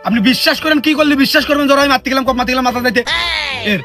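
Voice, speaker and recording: A man's voice: extremely high pitch, rapid-fire, sharp tone, faint music behind. A man voicing a boastful, cowardly young male thug who rambles and pleads with excuses in a comic sketch. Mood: pleading.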